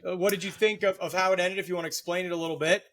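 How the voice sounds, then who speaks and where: Bright high-voiced man explaining emotions. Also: fairly even intonation, rapid-fire. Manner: explanatory, joking asides, many fillers. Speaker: podcast host, therapist. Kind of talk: casual podcast chat.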